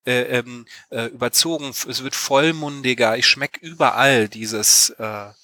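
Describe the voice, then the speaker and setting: A man's voice: mid-range voice, measured pace, pushed and bright, dry recording. A man co-hosting a podcast who asks questions in a musing, tentative way, often hedging and restarting his sentences. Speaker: podcast co-host asking questions. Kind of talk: casual podcast conversation.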